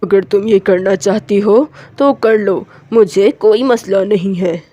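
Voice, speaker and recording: A woman's voice: medium pitch, measured pace, warm tone, dry recording, lightly acted. Suraj, a woman playing a loyal young husband. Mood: firm.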